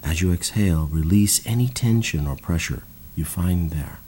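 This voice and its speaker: Deep calm man guiding relaxation. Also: slight background noise. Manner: slow, calm, soothing instructions. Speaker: meditation guide. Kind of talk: guided relaxation narration.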